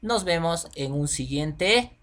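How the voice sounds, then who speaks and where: A man's voice: on the high side, lively intonation, slow pace, fairly bright tone. Male teacher explaining simply to children. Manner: checks in with the listener often, asking "ya?"; speaks directly to the pupil with simple everyday examples. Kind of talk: explanatory video lesson for children.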